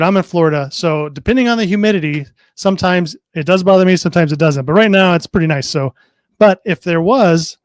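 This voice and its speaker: Friendly male product specialist, chatty explainer, a bit higher voice, dry close recording. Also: no room sound. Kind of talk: casual livestream chat and product demo.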